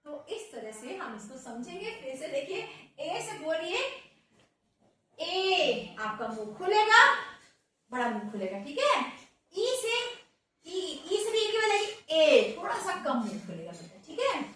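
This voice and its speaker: A woman teaching an English lesson, slowly spelling out words and asking her students questions. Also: sits high, sing-song, a bit bright. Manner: repeats words slowly, quizzes listeners with questions. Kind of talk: classroom-style grammar lesson. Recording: echoey room, voice from a distance.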